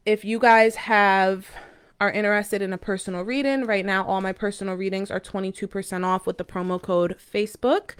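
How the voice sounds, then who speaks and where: A woman giving a casual, mystical horoscope and tarot card reading to viewers in a halting, informal way with intuitive asides. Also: mid-range voice, clean tone.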